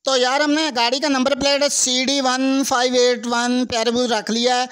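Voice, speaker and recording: A young man with a Pakistani Urdu accent giving chatty, excitable commentary over a car stunt game, often calling out to his viewers. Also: very high-pitched, moderate pace, clean tone. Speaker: gaming channel host. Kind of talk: casual gameplay commentary.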